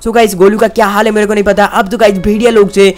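Excited high-voiced gaming commentator. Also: male voice, quick pace, faint music behind. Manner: excited, urges viewers. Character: young male tiger hero, brave and angry. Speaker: gaming YouTuber. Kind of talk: game commentary with role-play.

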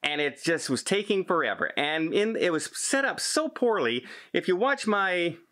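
Animated man retelling a frustrating story. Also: sits high, normal speed. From Canada. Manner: exasperated, gesturing, retells arguments. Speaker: travel vlogger.

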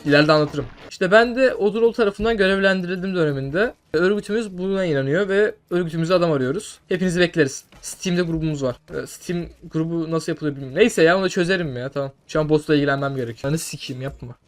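A young man commentating a sword-fighting game, rambling through made-up lore and breaking into loud swearing outbursts. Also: a little high, quick pace, few pauses. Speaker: gameplay streamer. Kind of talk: casual gameplay commentary with mock lore. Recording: faint music behind.

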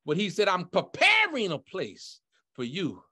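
Fervent preaching pastor. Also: male voice, a little slow. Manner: singing then preaching with rising fervor, lively pitch. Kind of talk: sermon with sung opening and altar call. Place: church sanctuary.

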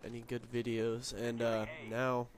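Sick and nasal from a cold, a young man offers casual gameplay commentary in a mid-range voice, completely flat and measured, full of fillers and swearing. Crowd noise and game gunfire make the recording noisy.

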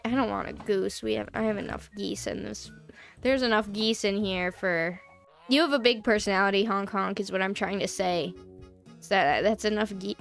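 Hiccuping and sounding strained, a woman YouTuber chats casually while building in a game for a let's-play. Her medium-pitched voice is a bit bright, and she's giggly, talkative, and laughs a lot.

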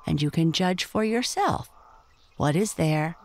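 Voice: medium pitch, animated, measured pace. A storyteller voicing a pompous, bossy old male frog in a bedtime story, talking in a lofty, lecturing way. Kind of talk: storybook character voice.

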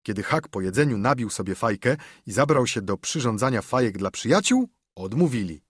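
A man narrating an audiobook in an expressive storytelling manner, recorded on a studio microphone. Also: mid-range voice, brisk, breathy edge, no echo.

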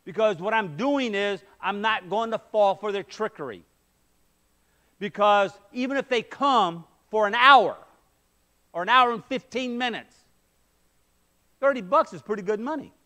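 Pastor guy preaching in a church, really high voice for a man, punchy and emphatic, lots of rhetorical questions. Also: a little slow, long pauses, bright, forceful tone. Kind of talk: sermon. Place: church sanctuary, medium-sized, indoors. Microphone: headset mic.

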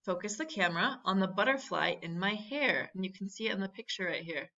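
Bright-voiced woman reading a story aloud. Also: mid-range voice. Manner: expressive, pauses to explain and ask questions. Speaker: teacher reading aloud to children. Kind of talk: read-aloud storytime with questions. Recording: muffled lo-fi audio.

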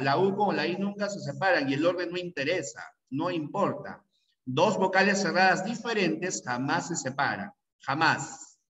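A man from Peru, his voice on the high side and a bit bright, teaches a pre-university language lecture by drilling core rules repeatedly and checking in with the class often. Recorded from a distance in an echoing room, the audio is dull.

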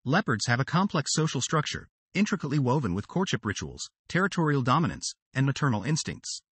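A male narrator reads a nature documentary script with a dramatic, sweeping delivery. His pitch rises and falls in a lively way, and his voice has a husky edge. The recording is dry and close, with no room sound. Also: brisk, dry recording.

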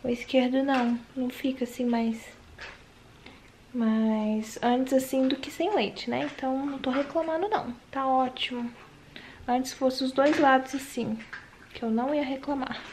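High-voiced chatty young mother. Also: fairly even intonation, unhurried, slight background noise. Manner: chatty, talks softly to her baby. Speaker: vlogger and new mother. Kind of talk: casual home vlog chat. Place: home kitchen.

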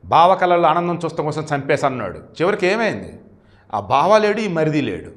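Emphatic male political commentator, higher voice. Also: big pitch swings, fairly quick. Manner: emphatic, full of rhetorical questions. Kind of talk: opinion commentary.

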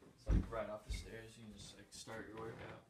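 Junger Mann spielt einen lässigen Angeber mit Neuengland-Akzent. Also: male voice, on the low side, flat delivery, a little fast, heavy background noise, lightly acted. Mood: smug, rambling. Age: young adult. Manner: laid-back, rambling, proud, says "wicked convenient" over and over. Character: boastful young male slacker, clueless and upbeat. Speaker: boastful slacker showing off his basement. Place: cluttered home basement. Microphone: handheld phone camera held by the other man.

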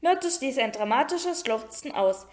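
Woman reading a book out loud, high voice, steady with little slips. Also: unhurried. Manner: steady storytelling with small slips. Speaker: audiobook reader. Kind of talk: reading a novel aloud.

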